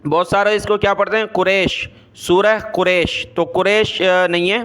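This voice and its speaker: A man teaching Quran reading with a Pakistani Urdu accent. He spells out each letter and syllable slowly, then explains the reading rules in quick asides. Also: sits high, steady tone, fairly bright tone, smooth. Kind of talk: slow syllable-by-syllable recitation lesson.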